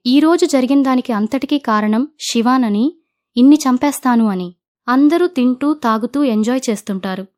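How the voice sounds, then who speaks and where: A woman narrates a drama recap with a somewhat high voice. She quotes the characters' lines in her own steady storytelling voice rather than acting them out. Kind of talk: retelling a drama plot.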